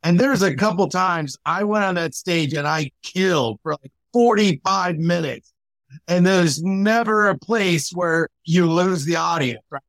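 A man's voice: high voice, unhurried, a bit bright, dry recording. A man who does comedy, chatting casually about his gigs with plenty of "you know". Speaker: comedian guest. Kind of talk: casual chat.

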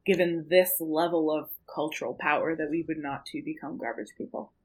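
A woman with a somewhat low voice talks on a casual podcast. She is emphatic and thoughtful, with a wry edge to her remarks. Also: steady tone, brisk, darkish tone, poor audio.

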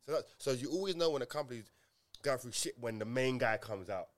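A man's voice: medium pitch, animated, brisk. A man with a London roadman accent in casual podcast chat, making points emphatically with heavy slang and repetition. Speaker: podcast co-host.

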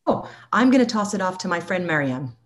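A woman's voice: fairly low pitch, sing-song, a little fast. A middle-aged woman from the Middle East introducing herself graciously on a panel. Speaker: panelist, marketing executive.

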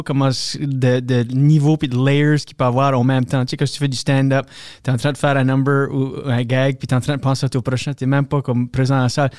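A man from New Brunswick with an Acadian French accent, a comedian guest in relaxed casual chat on a podcast mic, dropping in English slang. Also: medium pitch, no echo, studio quality. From New Brunswick, Canada. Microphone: podcast microphone.

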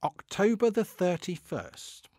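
A man performs a pompous, middle-aged Victorian clerk reading his diary aloud as a dramatic comic piece, full of fussy, aggrieved indignation and self-satisfaction. His voice is a little high for a man yet darkish in tone, slow, and swooping with lively intonation. The recording is very dry and close, with no room sound.

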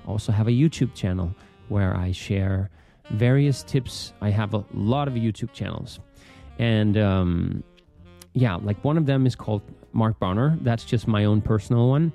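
On his informal solo podcast, a man from Denmark jokes and rambles, his Danish accent leaning toward American. He speaks a little slowly in a fairly low, gravelly, dark voice, with soft music in the background.

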